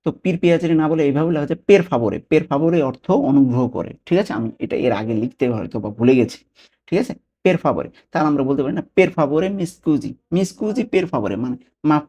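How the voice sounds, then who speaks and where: A man teaching a language lesson, repeating each word slowly and often checking that the listener follows. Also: mid-range voice, dark tone, muffled recording. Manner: repeats words slowly, asks rhetorical checks.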